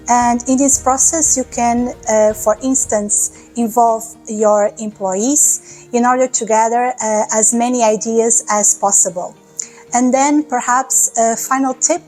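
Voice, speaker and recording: Higher-voiced woman from Portugal giving tips. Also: rough recording. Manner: steady, advisory, lists tips. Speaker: project partner. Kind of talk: talking to camera in a promo clip.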